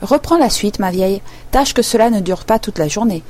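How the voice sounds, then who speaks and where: A woman reader voicing a gruff, bossy male griffon in a storybook, speaking high and loud with a brusque, scolding manner. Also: lively intonation, fairly quick, close to an everyday voice.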